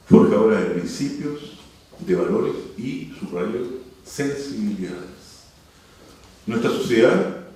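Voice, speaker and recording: A Santiago-born Chilean man in his 60s or older, a university leader speaking at a cultural forum, gives a formal, emphatic prepared speech with asides and measured phrasing. His voice is medium-pitched and warm. A distant mic in a very echoey indoor cultural hall picks him up faintly, with light noise.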